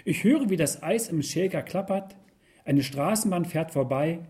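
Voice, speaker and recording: A man narrates a first-person story with a wry, expressive delivery. His voice sits slightly high and moves with lively swings in pitch. The tone is mellow and soft. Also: normal speed.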